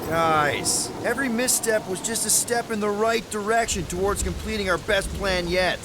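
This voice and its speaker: A man's voice: high-pitched, normal speed, background noise, close to an everyday voice. An actor playing a cocky young male space adventurer who leads in a breezy, joking, upbeat way, in video game dialogue. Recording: game audio under loud rain.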